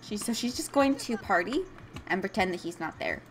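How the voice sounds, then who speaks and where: A woman's voice: mid-range voice, lively intonation, normal speed, faint music behind. A young woman giving chatty, emotional commentary while playing a life-sim game as a video host. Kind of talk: casual gameplay commentary.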